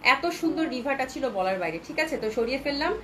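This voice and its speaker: A woman's voice: sits high, animated, fast, background noise. Chatty Bangladeshi woman selling dresses live. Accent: Bangladeshi Bengali. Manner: chatty, repeats prices, mixes in English words. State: has a cold, talking softly to avoid coughing. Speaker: online clothing seller hosting a live sale. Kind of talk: live sales chat with viewers.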